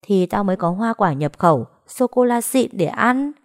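Woman putting on a carefree girl voice, high and chirpy, bold jokey storybook friend. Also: lively intonation, normal speed, close to an everyday voice. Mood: teasing. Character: cheeky carefree young woman, teasing and playful.

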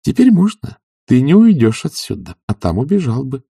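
A man's voice: medium pitch, wildly swooping pitch, moderate pace, creaky, warm tone, husky, no echo, studio quality, voice pushed up, exaggerated voice. A man reading aloud and voicing a playful, teasing young woman in love.

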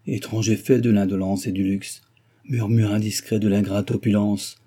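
A man's voice: mid-range voice, normal speed, warm tone, husky, close to an everyday voice. A man voicing a stern, brooding older man who moralizes severely, read as a character in an audiobook. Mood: severe reproach. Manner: severe, reproachful declaiming.

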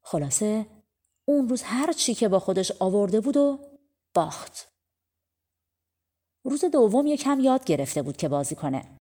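A woman's voice: fairly high pitch, big pitch swings, pauses often, mellow. A woman narrating a folk tale audiobook in a casual, colloquial storytelling manner.

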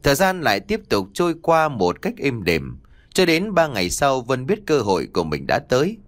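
Lively male audiobook narrator. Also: mid-range voice, moderate pace, no room sound. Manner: expressive storytelling. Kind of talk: scripted story narration.

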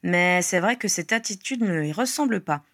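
A woman voicing a brisk, practical young witch who grumbles, in a storybook reading. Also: on the low side, expressive, a bit bright, no room sound, studio quality. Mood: calm.

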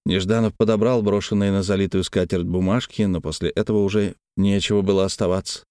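Мужской голос, литературное чтение, размеренно, близкий микрофон. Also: male voice, sits low, clean tone, no room sound, studio quality. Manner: expressive, measured reading. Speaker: audiobook narrator. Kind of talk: scripted literary narration.

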